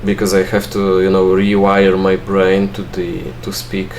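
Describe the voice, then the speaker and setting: Low-pitched, monotone, and slightly mellow, this young man's voice comes a little slowly through a little hiss or hum. He's a Polish let's play gamer speaking non-native, accented English, dryly poking fun at himself and filling his thinking-aloud with fillers.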